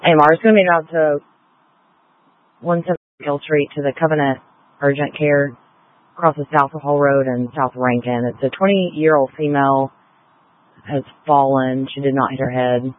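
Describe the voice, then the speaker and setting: A man's voice: mid-range voice, fairly even intonation, moderate pace. Man dispatching over a tinny radio. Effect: two-way radio transmission. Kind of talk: clipped dispatch radio traffic.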